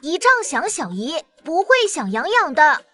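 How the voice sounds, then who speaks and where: A woman voicing a cheeky little boy in an animated drama, who talks in a chatty, blunt, childlike way. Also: sits high, moderate pace, dry recording, exaggerated voice. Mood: chirpy. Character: small cheeky boy about to start kindergarten.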